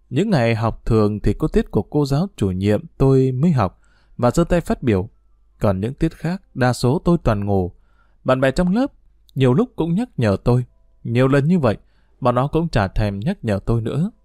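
A man narrating a first-person story in a plain, steady way. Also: medium pitch, no echo, clean studio sound.

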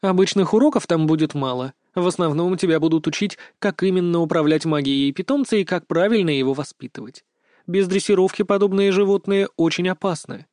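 A man voicing a calm, doting grandmother in an audiobook, soothing and gently lecturing. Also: sits high, brisk, no room sound, studio quality, close to an everyday voice. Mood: explaining. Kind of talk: audiobook character voice.

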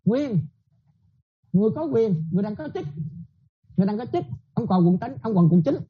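A woman's voice: mid-range voice, expressive, fairly quick, slightly rough, muffled recording. A Buddhist nun giving a dharma talk, often checking that her listeners follow and repeating her points.

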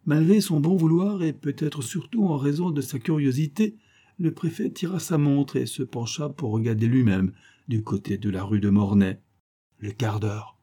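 A man reading a detective novel aloud in a measured storytelling manner. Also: a little high, expressive, mellow. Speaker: audiobook narrator. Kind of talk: scripted narration.

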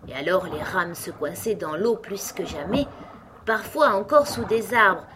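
A woman narrating an audiobook in a calm, even storytelling manner. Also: medium pitch, a little slow, background noise. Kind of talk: scripted narration.

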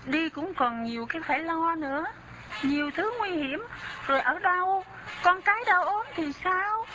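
A man's voice: very high-pitched, animated, normal speed, highs cut off, background noise, voice pushed up. A male narrator voicing a frightened young wife who asks worried, pleading questions. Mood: anxious.

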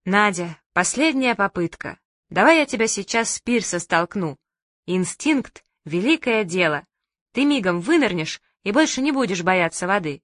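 A woman's voice: medium pitch, animated, normal speed, a bit bright, dry recording, studio quality, close to an everyday voice. A woman voicing a jolly, teasing middle-aged father in an audiobook story. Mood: coaxing. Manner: bantering, teasing.

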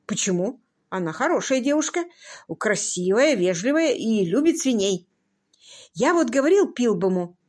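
A woman's voice: on the high side, animated, normal speed, darkish tone. A woman voicing an absent-minded elderly earl in his sixties who talks in a dreamy, distracted, rambling way in an audiobook.

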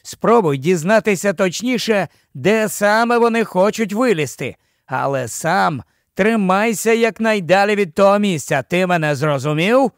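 Calm fatherly army captain, man reading it for an audiobook, steady and patient, voice kinda high, dry close sound. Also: normal speed, dry recording. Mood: steady command. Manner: steady, patient, gently scolding.

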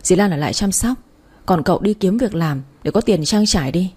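A woman voicing a caring young female university friend who urges and reassures in a practical way, in a storybook reading, with a husky voice. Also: on the low side, lively intonation, brisk, dark tone. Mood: urging.

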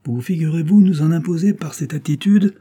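A man voicing a booming, menacing gang boss. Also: moderate pace, warm tone, slightly rough. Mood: mocking. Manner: sonorous, threatening, mocking. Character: boastful menacing male gang chief.

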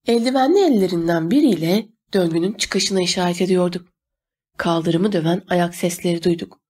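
A woman reading a novel aloud as an audiobook narrator, steady and measured. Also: on the low side, breathy edge. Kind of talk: scripted narration.

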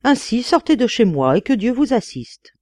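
A woman reading an audiobook voices a kindly, effusive old gentleman father, emphatic and solemn in his blessings. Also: lowish voice, big pitch swings, moderate pace, dry recording, studio quality.

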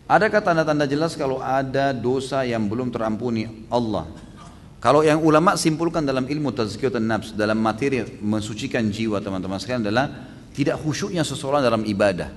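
A man preaching and answering questions at a religious study session, fast and emphatic, with many rhetorical questions. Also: mid-range voice, long reverb tail, a little hiss or hum.

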